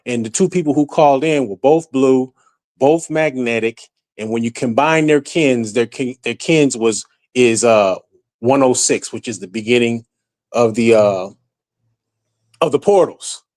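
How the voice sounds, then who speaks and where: A man speaking casually on a spiritual group call, rambling with frequent restarts and fillers, by his own account usually monotone. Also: medium pitch, measured pace. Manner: self-described monotone. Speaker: community call participant.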